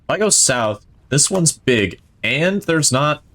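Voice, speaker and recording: A man's voice: a little high, very animated, slow pace, a bit bright. A male streamer giving casual, chatty gameplay commentary, rambling and thinking aloud, enthusiastic about what he plays.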